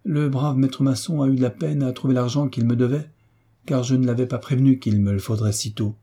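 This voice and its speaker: A man voicing a kind, earnest young soldier who speaks gently and reasonably. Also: medium pitch, steady tone, a little fast, husky. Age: young adult.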